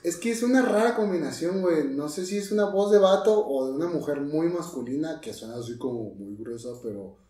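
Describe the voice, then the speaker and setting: Hombre mexicano tajante, algo lejos del micro. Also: male voice, fairly high pitch, animated, a little fast, few pauses, dark tone, roomy sound, distant mic. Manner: blunt, opinionated, swears freely. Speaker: podcast co-host. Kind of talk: casual chat.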